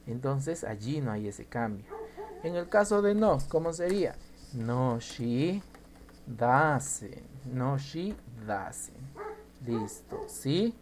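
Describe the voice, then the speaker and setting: A man teaching an English grammar lesson, slowly spelling out and repeating each example. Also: mid-range voice, a little mellow, a little hiss or hum.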